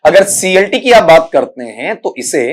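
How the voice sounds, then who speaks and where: Brief: middle-aged male tutor, somewhat high voice, lectures plainly with a scolding edge. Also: sing-song. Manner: addresses students as beta, repeats "thik hai" often; corrects pronunciations by saying sounds slowly one by one. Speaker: English teacher. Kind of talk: exam-prep lecture.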